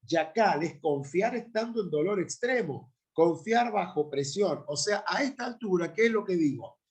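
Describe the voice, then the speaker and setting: Middle-aged Argentine man, pastor, emphatic lecturing delivery, slightly higher voice. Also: expressive, normal speed. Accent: Argentine Spanish. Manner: emphatic, with frequent rhetorical tag questions. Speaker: pastor teaching a Bible class. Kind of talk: Bible institute lecture.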